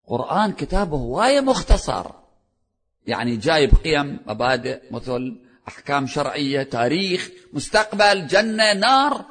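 A man with an Iraqi Arabic accent preaching a sermon, reciting scripture slowly and then arguing in lively everyday dialect. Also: on the high side. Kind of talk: religious sermon.

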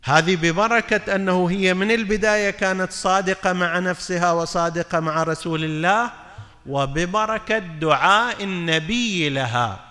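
Man, preacher, bright tense voice, long hall reverb. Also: high voice, normal speed. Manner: mixes formal Arabic with colloquial asides, asks listeners questions. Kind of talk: religious lecture.

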